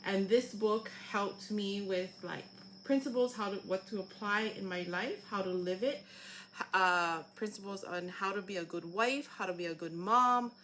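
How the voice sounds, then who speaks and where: A woman with a Hawaiian Pidgin accent, talking and reading Bible stories aloud in an informal, halting way. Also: medium pitch, fairly bright tone, a little hiss or hum, low-quality recording.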